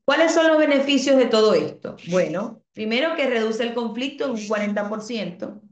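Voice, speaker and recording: A woman teaching an online parenting class, explaining calmly, reading out comments from students and asking the class questions. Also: a little high, normal speed, roomy sound, dull audio. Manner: asks the class rhetorical questions.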